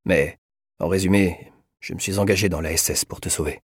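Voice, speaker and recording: A man's voice: steady tone, a little fast, slightly rough, dry recording, studio quality. A man reading as a stern young soldier. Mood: gentle, hushed. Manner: low, firm, turning soft and hushed. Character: stern young male soldier, harsh in public, tender in private.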